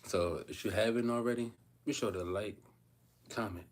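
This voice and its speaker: A man's voice: fairly low pitch, moderate pace. A man in his thirties talking casually to viewers on a livestream, rambling and repeating himself, often asking if they feel him. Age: 30s. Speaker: vlogger.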